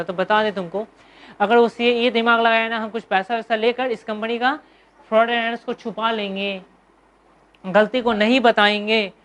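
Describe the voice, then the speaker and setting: A woman's voice: medium pitch, a bit bright. A woman with an Indian accent teaching a commerce class, asking questions and answering them herself and repeating key terms. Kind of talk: classroom lecture.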